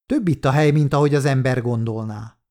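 A man's voice: mid-range voice, darkish tone, natural voice. A man reading the part of a small-time male thief who talks in a pushy, persuasive way.

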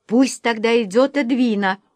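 A woman's voice: fairly high pitch, normal speed, no room sound, natural voice. A woman voicing a young mother who is frightened and close to tears, speaking in a pleading, rising tone. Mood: tearful. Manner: tearful, pleading, rising in alarm. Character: frightened young mother searching for lost daughter. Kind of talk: audiobook character voicing.

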